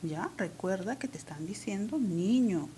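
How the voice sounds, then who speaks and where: Peruvian woman teacher, unhurried and warm-toned, patient step-by-step explainer. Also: mid-range voice, lively intonation, slight background noise. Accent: Peruvian Spanish. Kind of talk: recorded language lesson.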